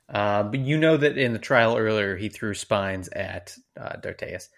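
Male game master, relaxed narration, casual tabletop session. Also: on the low side, a little slow, gravelly.

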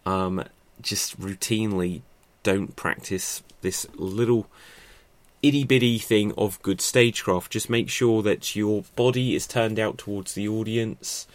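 Guy talking into a podcast mic, low voice, dry sound, thinks out loud. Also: measured pace, no room sound. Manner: chatty, thinks aloud with fillers and restarts. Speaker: podcast host teaching improv. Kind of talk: unscripted instructional talk. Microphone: podcast microphone.

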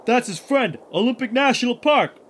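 A man's voice: very high voice, expressive, moderate pace, a bit bright, heavily acted. A man voicing a dim-witted, whiny henchman, the poacher's muscle, in a children's audio adventure. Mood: clueless. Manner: dopey, complaining.

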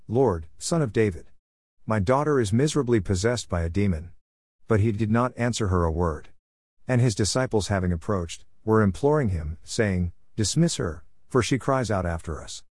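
Low-voiced man reading scripture aloud. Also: dry recording, studio quality. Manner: measured, steady reading cadence. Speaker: scripture reader.

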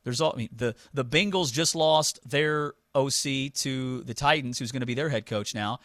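Chatty sports radio host. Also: male voice, medium pitch, moderate pace, no room sound, clean studio sound. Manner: animated, rambling opinion with many restarts. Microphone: studio mic.

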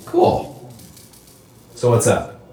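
A man's voice: drawn-out words, mellow. A man playing a laid-back, bodiless, staticky figure who talks in casual slang. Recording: roomy echo with faint hiss.

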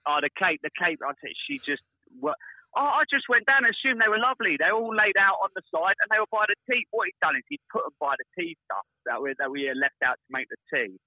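Man, builder caller, animated storyteller, tinny phone line, dry. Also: high voice, quick pace, no echo. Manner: animated storyteller, acts out quotes, stumbles on words. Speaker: builder calling in to a radio show. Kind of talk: casual anecdote telling.

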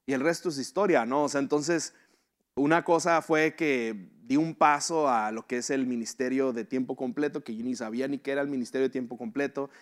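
A man preaching a sermon in a relaxed, conversational way, mixing personal testimony with jokes and often asking his listeners for agreement. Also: mid-range voice, fairly quick. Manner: conversational, humorous, asks "¿verdad?" often.

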